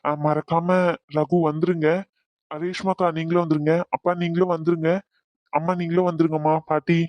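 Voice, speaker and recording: A polite, respectful young man from a cartoon, voiced by a man, explaining things to his elders. He talks fast in a slightly high voice, on a dull, lo-fi recording. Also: level tone, no echo, lightly acted. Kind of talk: cartoon voice acting.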